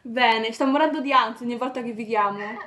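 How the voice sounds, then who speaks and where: A woman's voice: a little high, fairly quick, background noise. A teenage girl from Italy making giggly, teasing phone calls to her fans for a vlog, chatting casually.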